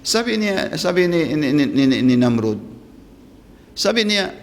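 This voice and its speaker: A man's voice: fairly high pitch, big pitch swings, unhurried, long reverb tail. A man preaching a religious story in a rambling way, often asking his listeners "ha?" and mixing in Arabic phrases.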